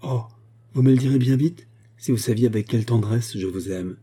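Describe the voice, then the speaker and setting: A man's voice: medium pitch, brisk, dark tone, slightly rough, lightly acted. A man reading aloud and voicing a spoiled, adoring young daughter who pleads tenderly. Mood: pleading. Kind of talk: audiobook character voice.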